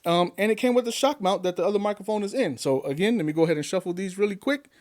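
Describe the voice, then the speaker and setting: A YouTube tech reviewer with a high, slightly mellow voice talks very fast to camera in a casual vlog. Upbeat and chatty, he fires lots of questions at viewers from his home studio, with gear behind him, recorded close on a desk condenser mic on an arm.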